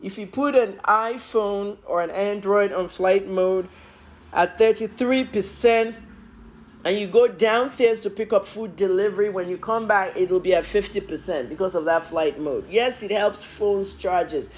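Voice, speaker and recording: A woman's voice: mid-range voice, a little slow, slight background noise. A middle-aged woman with a Nigerian accent giving opinionated news commentary as a journalist, emphatic, blunt and scolding.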